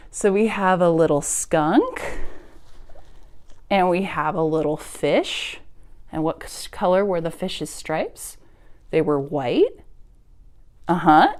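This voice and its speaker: Reading aloud and chatting at a preschool storytime, this woman addresses little kids directly with simple, upbeat encouragement and a heavily sing-song delivery. Her voice sits fairly low and has a somewhat dark tone.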